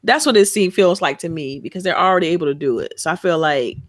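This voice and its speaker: A woman co-hosting a casual gaming podcast over a call, reasoning things through in a relaxed way. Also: on the low side, fast talker. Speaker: podcast co-host.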